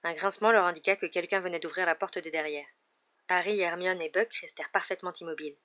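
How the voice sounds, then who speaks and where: A woman narrating an audiobook with a steady, measured reading. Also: fairly low pitch, dull audio.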